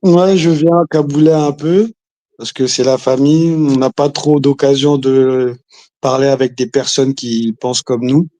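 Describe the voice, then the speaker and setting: A man's voice: mid-range voice, fairly even intonation, measured pace, mellow. A man from Congo on a video call, talking casually and hesitantly, with many restarts and fillers and an occasional chuckle. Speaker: caller. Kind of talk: casual chat.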